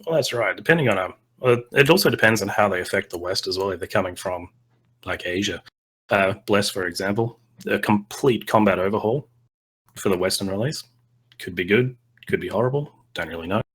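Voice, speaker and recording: Male co-host, deep voice, deadpan and blunt. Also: brisk, husky. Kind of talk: casual podcast chat.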